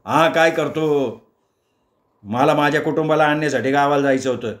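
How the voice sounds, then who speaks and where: A man's voice: on the high side, normal speed, reverberant, close to an everyday voice. A man voicing an exasperated middle-aged male neighbour who scolds and accuses in an agitated way, in a storybook reading. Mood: explaining.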